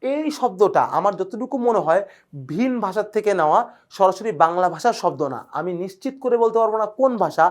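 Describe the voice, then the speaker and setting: A male teacher, giving a recorded exam-prep lecture. He talks eagerly about where words come from and keeps checking whether the students follow. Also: sits high. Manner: fast, checks in constantly with "clear, sir?"; enthusiastic about word origins.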